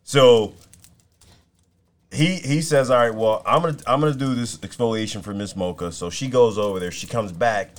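A man's voice: medium pitch, moderate pace. A man co-hosting a podcast, spinning a crude story with plenty of swearing. He speaks in an ordinary mid-range voice. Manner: storytelling, profane, laughing. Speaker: podcast co-host. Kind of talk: casual podcast chat.

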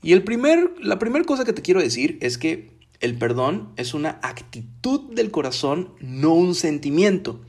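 Male preacher with a fairly high voice, casual live sermon, conversational but emphatic. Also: very animated, a little mellow, slightly rough. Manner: conversational and emphatic, slows down to stress key words. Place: his home.

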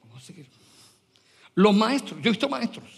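A man preaching a lively sermon as pastor, mixing English words into his speech. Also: high voice, fairly quick, vocal fry, breathy edge, in a large hall. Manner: animated, mixes English words into Spanish.

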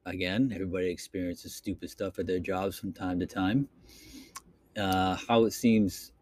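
A man from Boston, speaking with that city's accent, hosts a solo podcast and rambles through an unplanned monologue into a computer mic, full of fillers and restarts. His voice sits on the low side with a touch of mellowness, and the audio has no echo.

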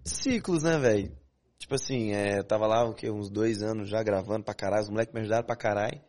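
A young man from Goiânia with a Goiás accent, telling stories in a slangy, animated casual chat. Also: fairly low pitch, fast talker. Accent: Goiás Brazilian Portuguese. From Goiânia, Brazil.

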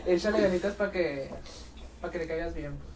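A woman's voice: fairly low pitch, normal speed, a little mellow. Teasing woman host, roomy and distant. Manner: teasing, prompting the guest with questions. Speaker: podcast host. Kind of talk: casual chat. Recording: roomy sound, away from the mic, faint noise.

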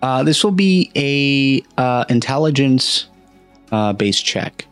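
A man acts as game master for a tabletop game, improvising as he goes. His delivery is halting, with repeated words, and music plays faintly behind him. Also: medium pitch, animated, clear, resonant tone.

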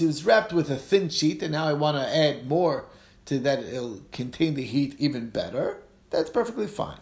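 A rabbi gives an informal lesson in an echoey room. His voice is fairly high for a man and quite creaky. He reads from a text, then explains it conversationally, asking questions and answering them. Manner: conversational, asks and answers own questions, checks in with listeners. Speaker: rabbi teaching a Talmud class.

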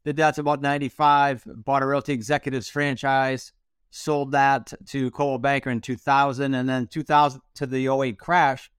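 A middle-aged man from Rhode Island answering interview questions as a guest, in a brisk, matter-of-fact way. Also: medium pitch, little pitch movement, fairly bright tone, clean tone, no room sound, clean studio sound. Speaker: guest, real estate investor.

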